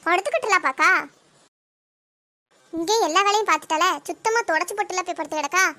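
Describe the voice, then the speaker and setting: A woman's voice: very high voice, quick pace, pushed and bright. Woman voicing a nagging cartoon mother-in-law. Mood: scheming grumble. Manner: grumbling, scheming muttering to herself. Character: nagging older mother-in-law, scheming and grumbling. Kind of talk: cartoon voice acting.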